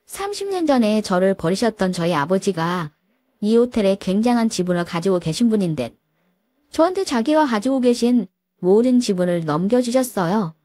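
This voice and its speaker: A woman narrating a dramatic first-person story in an indignant, sharp-tongued manner. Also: medium pitch, very animated, normal speed, no echo.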